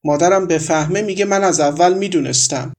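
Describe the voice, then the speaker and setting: A man reading the lines of a weary, tearful young married woman in a story, with quiet, resigned replies. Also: high-pitched.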